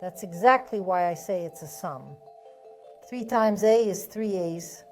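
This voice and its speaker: A woman's voice: lowish voice, lively intonation, measured pace, faint music behind. A woman teaching a math lesson step by step, patient and methodical, often asking a question and then answering it herself.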